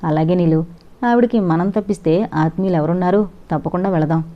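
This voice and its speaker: A cautious middle-aged husband talks plainly and fondly in this audio novel, as a woman reads him. The voice sits low. The recording is dull and lo-fi. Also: a little fast, close to an everyday voice. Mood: kind.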